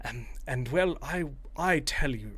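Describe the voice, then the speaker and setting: A man's voice: mid-range voice, animated, measured pace, fairly bright tone, breathy edge. A man voicing a well-groomed, regal male cat who gossips in a fussy, conspiratorial way. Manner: conspiratorial, fussy, hesitant British-style toff talk.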